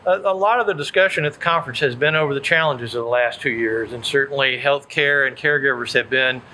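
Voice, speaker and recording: A man's voice: mid-range voice, fast, pushed and bright, slight background noise, low-quality recording. A man interviewing a guest for a podcast, asking polite questions with hesitant repeated starts.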